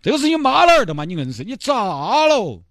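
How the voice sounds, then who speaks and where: A man's voice: extremely high pitch, wildly swooping pitch, fairly quick, fairly bright tone, dry recording, clean studio sound, soft background music, voice pushed up, exaggerated voice. A man voicing a cranky old village grandfather with a who scolds and teases. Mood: scolding. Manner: scolding, teasing.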